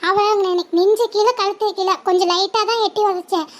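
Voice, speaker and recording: A woman's voice: extremely high pitch, fairly even intonation, fairly quick. A woman voicing a mischievous young girl who whines and protests in a family drama. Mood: protesting. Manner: whiny protesting. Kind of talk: family drama role-play.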